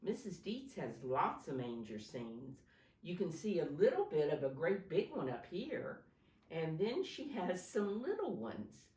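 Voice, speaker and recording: Reading a picture book to young children, this woman, their preschool teacher, uses a low, mellow voice with big pitch swings and a slightly slow pace. She explains simply and puts questions to her audience, while the echoey, roomy sound suggests she's distant from the microphone.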